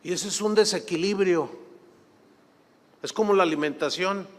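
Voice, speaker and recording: Animated high-voiced pastor preaching. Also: male voice, moderate pace. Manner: animated, acts out quoted voices, laughs while telling. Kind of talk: sermon with storytelling. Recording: long hall reverb.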